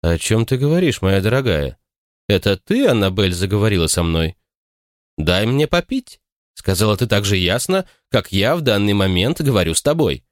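A stern, quick-tempered elderly spinster snaps in a sharp voice, as a man plays her in a raised register. Her pitch leaps about. The sound is dry and close. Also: big pitch swings, no room sound. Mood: puzzled.

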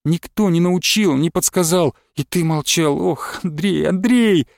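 A man's voice: fairly high pitch, a little slow, creaky, darkish tone, no room sound, clean studio sound. A man voicing a pleading young peasant wife.

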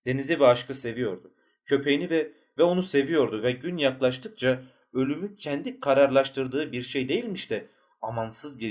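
Man reading a novel aloud. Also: mid-range voice. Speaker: audiobook narrator. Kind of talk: scripted literary narration.

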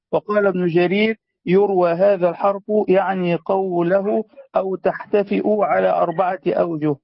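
A man reading a classical religious text aloud, carefully and in measured recitation, for his teacher in a lesson. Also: sits high, vocal fry, dry recording. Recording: muffled lo-fi recording.

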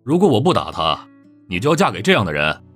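A man playing a blunt, hot-blooded young general's son with a husky voice in an audiobook drama. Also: on the low side, wildly swooping pitch, quick pace, fairly bright tone, heavily acted. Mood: indignant. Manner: blunt, scornful. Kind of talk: Chinese audiobook drama acting. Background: background music.

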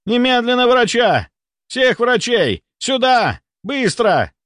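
A man voicing a panicking wealthy count who yells frantically for doctors. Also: very high voice, big pitch swings, slow, dry recording, studio quality, voice pushed up, full character voice. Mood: frantic, yelling. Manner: frantic yelling. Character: panicking rich male count, shouting.

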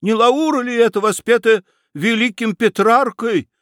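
A man voicing a naive, excitable young nobleman who talks in a flustered, wondering way. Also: high-pitched, normal speed, no echo, clean studio sound, pitched above the performer's own voice. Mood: excited. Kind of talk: audiobook character voice.

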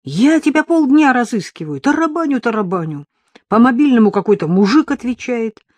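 Woman reader doing an eager male friend for an audiobook, exclamatory and lively, dry close sound. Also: fairly high pitch, normal speed, dry recording, voice pushed up. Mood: overjoyed. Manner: exclamatory, excited. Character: cheerful loyal male friend on the phone.

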